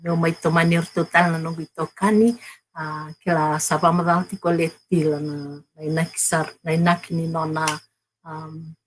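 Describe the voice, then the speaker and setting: A woman from Fiji, a guest, giving a measured, formal self-introduction. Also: low-pitched, fairly even intonation, poor audio.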